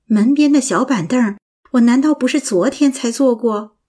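A woman narrating a prose essay in a lilting, expressive reading voice. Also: fairly high pitch, normal speed. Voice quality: husky.

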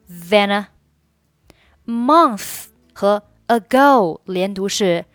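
A woman whose first language is Chinese leads a pronunciation lesson, drilling English phrases one by one. She speaks at a very slow, deliberate pace, repeating each line so listeners can follow. Her voice sits at a middle pitch, recorded dry and close, with faint music behind her. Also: dry recording. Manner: slow, deliberate repetition of phrases for learners to copy.

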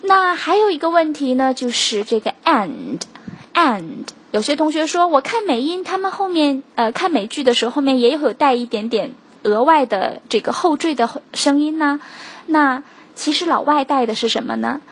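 A woman teaching English pronunciation in a recorded lesson, briskly explaining, then slowing right down to say example words. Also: sits high, expressive. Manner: brisk, drawn-out slow demonstrations of words.

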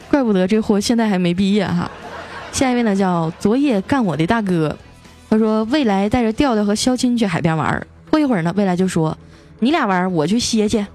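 Over soft music, a comedy podcast host reads out jokes sent in by listeners, acting out each character in a different voice. Her mid-range, darkish voice is expressive and fairly quick, and she's teasing, self-mocking, and full of laughter.

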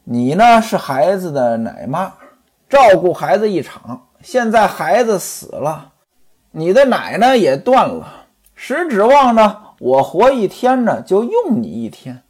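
A frail, kindly young wife on her deathbed, put on by a male storyteller, her voice lifted high and wandering up and down. She speaks softly with drawn-out particles, husky around the edges. A traditional storytelling performance. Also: very animated, exaggerated voice. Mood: tender, resigned. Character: dying gentle young wife, kind to her servants.

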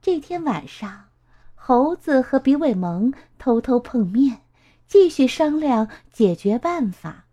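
A woman reading a children's story aloud, slow and expressive in a sing-song way. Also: sits high.

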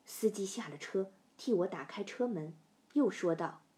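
A middle-aged woman telling a first-person story, sinking to hushed whispers in tense parts. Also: mid-range voice, lively intonation, moderate pace. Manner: dropping to hushed whispers in suspense.

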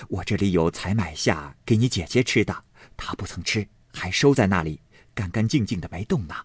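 A middle-aged cook from an old storybook household, voiced by a man, soft and coaxing. She fawns and flatters in a low, husky tone close to the reader's own. Dry sound. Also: normal speed, no echo. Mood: fawning. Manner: ingratiating, soft-spoken. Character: middle-aged kitchen woman, fawning and eager to please.

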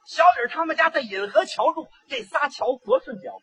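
Animated high-voiced Tianjin crosstalk comedian. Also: male voice, fairly quick. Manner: animated storytelling, switches into quoted voices, bursts of shouting. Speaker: crosstalk comedian, lead teller. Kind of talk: Chinese crosstalk comedy performance.

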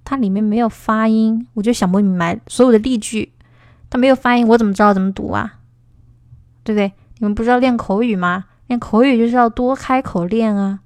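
A woman's voice: a little high, fairly quick, dry recording. Lady teacher on a livestream, chatty and emphatic, dry close sound. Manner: chatty, answers viewer questions in a lively, emphatic way. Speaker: English speaking teacher.

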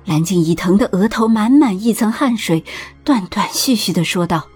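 A woman narrating a palace drama audiobook in a steady, expressive storytelling voice. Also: medium pitch, moderate pace, breathy edge, soft background music.

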